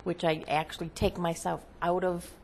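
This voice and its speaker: Female seance medium, lower-pitched, casual and halting explainer, seeks confirmation often, some background noise. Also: little pitch movement, vocal fry, a little mellow. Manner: seance medium talking plainly about channeling, haltingly, often checking with "okay?". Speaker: trance channeler, seance medium being interviewed.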